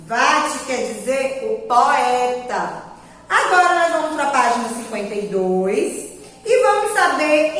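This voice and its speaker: A woman's voice: sits high, fairly bright tone. A woman with a Brazilian Portuguese accent teaching a grammar lesson to young children, stretching her words out in a sing-song way. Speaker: primary school teacher. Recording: echoey room, voice from a distance.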